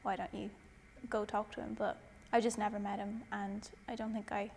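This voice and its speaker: Brief: young woman interviewee, measured, fry-tinged flat voice. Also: medium pitch, long reverb tail, a little hiss or hum. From Ireland. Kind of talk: documentary interview.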